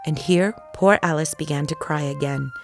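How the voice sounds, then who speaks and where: A woman narrating a storybook in a measured, expressive way. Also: sits low, over music. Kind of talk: storybook reading.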